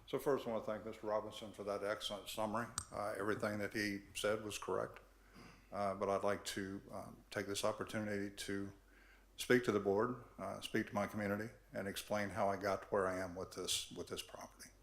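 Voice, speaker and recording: An older man addressing a city board about his property, earnest and measured, reading from his notes. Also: on the low side, flat delivery. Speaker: property owner at hearing. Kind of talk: public comment at board meeting. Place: council chambers. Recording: echoey chamber.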